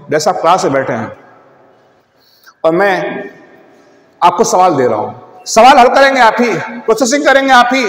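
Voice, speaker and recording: Male computer teacher, high voice, lecture with rhetorical questions, echoey room with long reverb. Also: a bit bright. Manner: rhetorical questions, repeats points. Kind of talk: classroom-style lecture.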